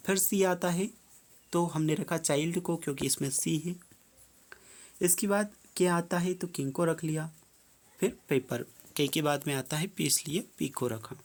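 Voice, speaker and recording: Slow, patient classroom teacher. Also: medium pitch. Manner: explains step by step, reads English prompts slowly then explains in Hindi. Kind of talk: worksheet lesson explanation.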